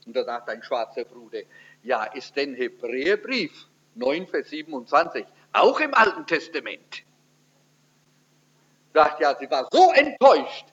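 Animated preacher man, lo-fi sermon recording. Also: a little slow. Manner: animated storytelling, pitch swinging widely for emphasis.

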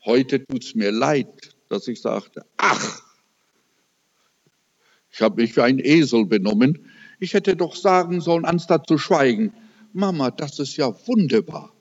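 A man's voice: medium pitch, animated, unhurried, long pauses. An older man preaching a sermon, telling a personal story with emotional, dramatic swings. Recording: reverberant hall, dull lo-fi sound.

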